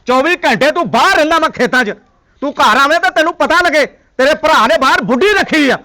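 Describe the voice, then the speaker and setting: A man's voice: extremely high pitch, animated, quick pace, pushed and bright, full character voice. A man playing the wife's meddling brother, who accuses and nags with questions. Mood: accusing. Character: wife's brother, a hot-tempered meddler who stirs up quarrels.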